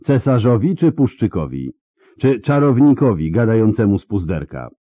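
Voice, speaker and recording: Man doing a hoarse defiant woman mercenary, raised pitch, forceful and loud, dry close sound, audiobook. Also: very animated, moderate pace, no room sound. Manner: proud, blunt and defiant.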